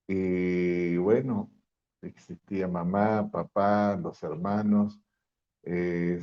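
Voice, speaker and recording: This is a testimony talk by an older Venezuelan pastor and guest speaker, whose low, mellow voice carries a Venezuelan Spanish accent as he tells his story in a folksy manner. The recording has a dull, lo-fi quality.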